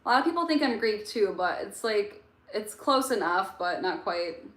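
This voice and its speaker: A young Egyptian-born woman hosts a late-night livestream, chatting casually and answering chat questions with plenty of fillers. Her mid-range voice is animated and fairly bright at normal speed, set against a roomy echo and faint music.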